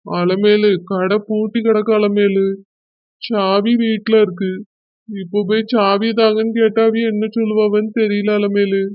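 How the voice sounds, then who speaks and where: A woman's voice: medium pitch, level tone, measured pace, no echo, muffled recording, lightly acted. A woman playing a worried young village husband with a Kanyakumari Tamil accent, soothing and hesitant. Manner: soothing, hesitant, repeats wife's name. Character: worried young husband, press shop owner.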